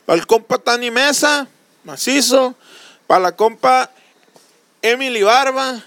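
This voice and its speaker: A man's voice: extremely high pitch, slow, sharp tone, dry recording. A man with a Mexican accent co-hosting a casual chat, telling stories in a playful, slangy way. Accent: Mexican Spanish. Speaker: podcast co-host.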